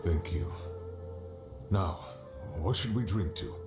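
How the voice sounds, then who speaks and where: Gruff old fisherman type for a game: low, salty, wistful, echoing over music. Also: very animated, slow, exaggerated voice. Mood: weary, wry. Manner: salty, world-weary seafarer's talk. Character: gruff old male sea captain, hard-drinking, wistful. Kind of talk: video game character dialogue.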